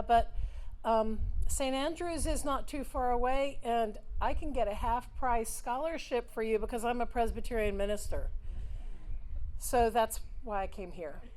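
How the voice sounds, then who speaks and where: A woman's voice: fairly high pitch, unhurried, a little mellow, rough recording. A woman in her fifties who grew up in Switzerland, giving a rambling personal speech at a memorial with many "um" fillers. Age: 50s. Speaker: alumna speaker.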